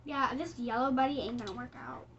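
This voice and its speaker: A woman's voice: high-pitched, steady tone, brisk, highs cut off, very noisy. A young girl chatting casually while making slime, goofy, bossy and teasing. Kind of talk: casual chat.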